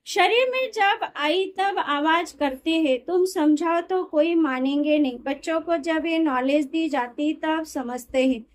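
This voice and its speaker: A woman reading a spiritual discourse aloud in a steady, explanatory way, sometimes correcting herself mid-word. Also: high-pitched, measured pace, few pauses. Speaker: reader of a daily spiritual discourse.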